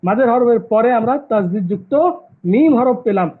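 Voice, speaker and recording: A man's voice: very high-pitched, a little fast. Man, recitation teacher, repeats and quizzes, phone-like sound. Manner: patient, repeats terms and asks students questions. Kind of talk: online tajweed lesson. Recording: tinny phone-like call audio.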